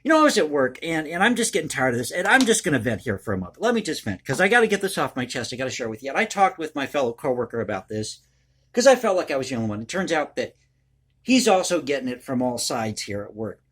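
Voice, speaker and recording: A man's voice: medium pitch, very animated, fast talker, a bit bright, breathy edge. A man hosting a casual ad-libbed vlog, talking in a rambling, folksy, conversational way. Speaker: online video host and commentator.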